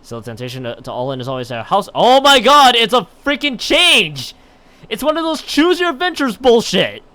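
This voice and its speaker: This game streamer's voice is very high, with huge pitch swings, and sounds brisk, pushed and bright in a dry recording. He livestreams a visual novel, stumbling as he reads and breaking in with casual exclamations.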